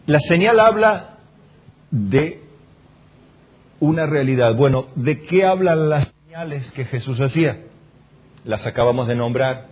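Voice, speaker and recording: A man's voice: medium pitch, measured pace, pauses often, muffled recording. A man with an Argentine Spanish accent preaching a sermon as pastor, asking the congregation questions and acting out the voices in the stories he tells. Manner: animated preaching, acting out quoted lines, rhetorical questions. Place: church hall.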